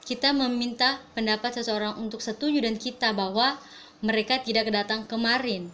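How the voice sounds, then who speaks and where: Young indonesian woman doing a grammar class talk, fairly high voice, bit of background hiss. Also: fairly even intonation, a bit bright, rough recording. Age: young adult. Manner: reads English examples slowly, explains quickly. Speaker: student presenter.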